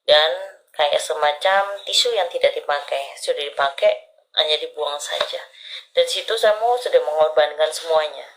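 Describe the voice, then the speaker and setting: A woman's voice: low-pitched, normal speed, a bit bright, low-quality recording. A woman doing palm readings for a caller on a live stream, talking intimately and often dropping to a whisper. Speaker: palm reader.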